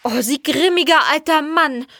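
Woman reading fiery stubborn woman, emphatic, goes high, dry sound. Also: expressive, normal speed, no echo. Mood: indignant. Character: emotional woman, passionate, stubborn.

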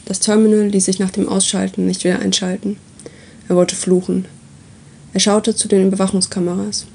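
A woman reading a story aloud as its narrator, with steady, even delivery. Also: medium pitch, fairly quick, creaky, a little hiss or hum.

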